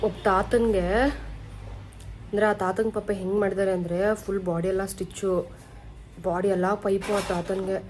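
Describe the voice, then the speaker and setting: A woman's voice: mid-range voice, flat delivery, unhurried, long pauses, over music. A young woman, chatting casually to camera at home in a vlog, telling stories. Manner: chatty, storytelling, shifts loud and soft. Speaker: vlogger.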